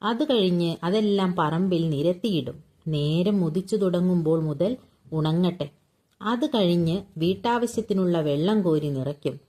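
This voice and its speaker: A woman reading a short story aloud in a calm, measured storytelling voice. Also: lowish voice. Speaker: story reader.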